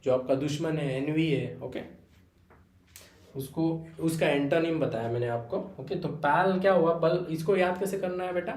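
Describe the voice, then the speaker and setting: A man's voice: a little high, moderate pace, a little mellow, echoey room. A young Indian man with a Marathi-influenced accent teaching English vocabulary in Hindi, filling his talk with "okay" and calling students "beta". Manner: explains with repeated fillers like "okay" and "है ना"; addresses students fondly as "बेटा".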